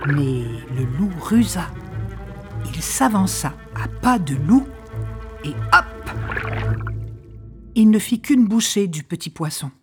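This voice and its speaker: A woman narrating a children's storybook slowly and expressively. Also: lowish voice, animated, soft background music.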